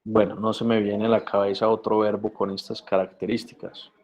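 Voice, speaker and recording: A man's voice: on the low side, flat delivery, a little fast, darkish tone. A man teaching English to Spanish speakers in an online class, explaining patiently and switching between English and Spanish. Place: video conference.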